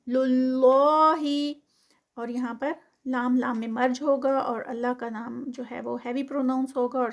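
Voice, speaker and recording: A woman with a high voice gives a Quran recitation lesson. She draws each verse phrase out slowly and carefully. Then she explains the rule in a brisk, matter-of-fact way. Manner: slow drawn-out recitation, then quick plain explanation.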